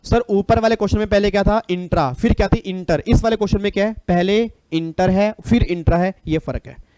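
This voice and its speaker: A man's voice: high-pitched, fairly quick, darkish tone, a little hiss or hum. A man teaching an online exam-prep lecture, joking and bantering with his students.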